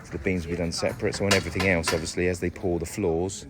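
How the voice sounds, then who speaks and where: A deep-voiced man talks rapid-fire with little pitch movement, giving a chatty, step-by-step walk-through of his house build. He fills it with plenty of ums. The recording is full of loud noise from the outdoor construction site.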